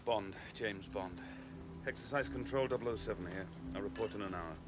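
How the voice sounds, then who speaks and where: James Bond, an actor playing a low clipped spy. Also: male voice, moderate pace, close to an everyday voice. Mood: cool. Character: cool, terse male secret agent. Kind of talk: film dialogue. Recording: film clip under loud music score.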